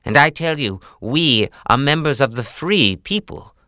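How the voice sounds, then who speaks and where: A man's voice: mid-range voice, expressive, a little slow, bright, forceful tone, dry recording, studio quality, pitched above the performer's own voice. A man voicing a firm, proud father wolf. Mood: defiant. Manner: firm, raised declarations.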